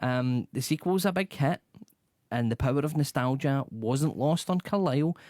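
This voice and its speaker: Presenter: man, mid-pitched, reads a rundown with dry asides, dry close sound. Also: lively intonation, normal speed, darkish tone, no room sound. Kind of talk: scripted rundown with chat.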